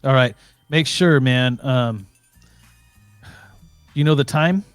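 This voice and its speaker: A man's voice: mid-range voice, slow pace, clean tone, dry recording, soft background music. A man co-hosting a live stream from his computer, bantering and teasing his partner in chatty talk full of restarts. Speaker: co-host of a live stream show. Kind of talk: casual chat. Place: home computer setup.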